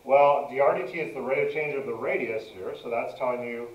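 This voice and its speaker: This man's mid-range voice moves a little fast as he talks through a math problem step by step, dictating bit by bit like a teacher. There's slight background noise, and the audio comes across as dull and roomy from a far-off microphone.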